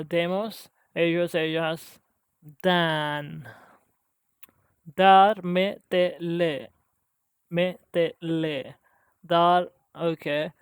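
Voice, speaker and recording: A man practicing language conjugations aloud on his own, halting and restarting often as he works through a lesson. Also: on the high side, clean tone, no room sound. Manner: halting, with frequent restarts and hesitations. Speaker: language learner. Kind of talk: self-study language practice.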